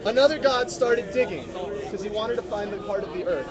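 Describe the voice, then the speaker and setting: With lively intonation and a brisk pace, a high-voiced man tells a story interactively to a live audience, prompting them to fill in the blanks. The outdoor mobile livestream has lo-fi sound, with music, a chatting crowd, and street sounds in the mix.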